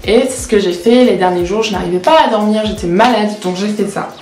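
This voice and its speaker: This young woman, 19 and Portuguese by first language, speaks fast in a mid-range, darkish voice. She studies law and vlogs, sharing casual confessions with self-mockery and frequent hesitation, in a roomy, echoey space with slight background noise.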